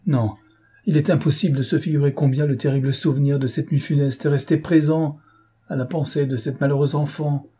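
A man's voice: a little high, steady tone, a little fast, mellow, slightly rough, pitched above the performer's own voice. A man voicing a grief-stricken middle-aged father, speaking in anguish. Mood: despairing. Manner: anguished, pleading.

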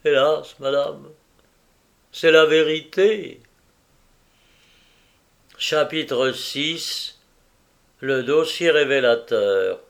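A man narrating a novel in a measured, even audiobook reading. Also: mid-range voice.

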